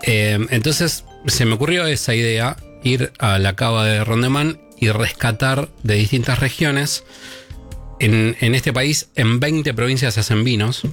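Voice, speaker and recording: A man with an Argentine accent, a guest on a radio show, talking in a relaxed, easygoing way. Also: mid-range voice, a little slow, soft background music. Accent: Argentine Spanish. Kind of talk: casual radio chat.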